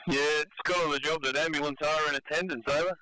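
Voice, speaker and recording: A man's voice: on the high side, fairly even intonation, fast talker, sharp tone, a little hiss or hum, rough recording. A man working as an emergency dispatcher, speaking in a matter-of-fact, procedural way over two-way radio.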